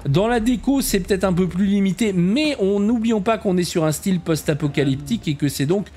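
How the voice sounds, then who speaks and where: A man's voice: sits high, animated, fairly quick, dark tone. Chatty man touring a game camp. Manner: chatty, calls viewers "les enfants"; self-mocking asides. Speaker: game camp tour host. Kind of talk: casual gameplay commentary.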